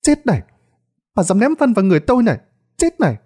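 A village boy yells in a high, strained voice, frantic and loud, as a male narrator acts him out. He shouts in quick bursts. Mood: angry. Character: village boy, panicked, yelling.

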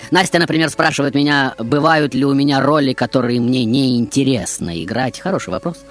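Male radio host, mid-range voice, florid showman delivery, music softly behind. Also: medium pitch, a little fast. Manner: florid, grandiloquent, swinging from loud to hushed. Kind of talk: theatrical monologue to radio listeners.

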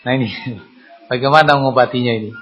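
A man preaching a Friday sermon in a mosque, lively and conversational, with sudden lifts in pitch and rhetorical questions. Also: quick pace, breathy edge, dull audio.

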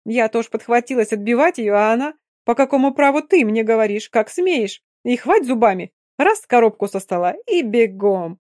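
A woman's voice: fairly high pitch, lively intonation, normal speed, hardly any pauses, darkish tone, no echo, clean studio sound, voice pushed up, close to an everyday voice. A woman voicing a cheeky young Roma girl who tells her story while choking back laughter, in an audiobook. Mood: amused.

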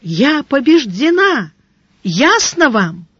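Stubborn furious young girl done by the narrator, higher voice, slow and sulky, dull dry audiobook sound. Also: animated, no room sound. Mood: defiant. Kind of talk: audiobook character voice.

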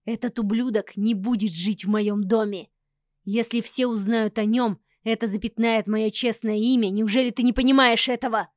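A woman voicing a cruel, furious aristocratic husband who snarls threats loudly in an audiobook. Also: on the high side, fairly even intonation, normal speed, no echo, studio quality, natural voice. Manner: snarling, menacing, loud.

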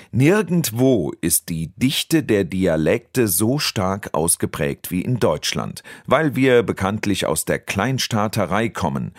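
A man hosting a radio lecture program, presenting in a scripted, lively way and speaking directly to listeners. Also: low-pitched, dry recording. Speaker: radio show host. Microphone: studio microphone. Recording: dry studio sound.

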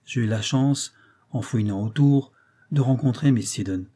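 A faithful informant gives an urgent report to his detective chief, voiced by a man narrating. The tone is confiding and eager, with a husky, mellow grain. It suits a vintage crime story. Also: mid-range voice, a little slow, lightly acted. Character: loyal male police informant reporting.

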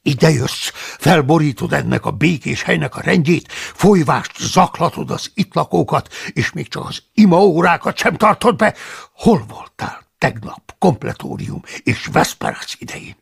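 A stern, indignant old abbot, as a man reads him out, scolding in a loud, accusing voice. The tone is heavily gravelly and husky, and it swings widely up and down. It is a storybook reading with a dry sound. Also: a little high, animated, voice pushed up, exaggerated voice. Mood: angry scolding. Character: stern, indignant older male monastery abbot.

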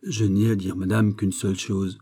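A man's voice: on the low side, little pitch movement, moderate pace, warm tone, husky. A man reading an audiobook, voicing a deferential young courtier who feigns innocence. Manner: deferential, falsely innocent, polite. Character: evasive young male courtier, feigned naivety.

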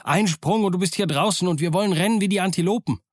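A man reads a grave middle-aged doctor in a storybook, concerned and firm, at a middling pitch. The sound is close and dry. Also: steady tone, moderate pace, no echo, natural voice. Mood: urgent. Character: kindly, stern middle-aged male doctor. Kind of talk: audiobook character voice.

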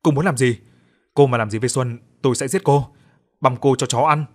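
A man voicing a desperate young man who pleads and shouts in a raised voice. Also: medium pitch, brisk, natural voice. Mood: furious.

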